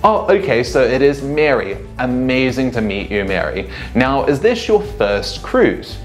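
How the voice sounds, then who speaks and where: A man's voice: medium pitch, big pitch swings, unhurried, faint music behind. A man in his thirties giving an upbeat sales training lesson to camera, acting out sample greetings, recorded on a lapel mic in a small living room. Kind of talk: instructional talk to camera.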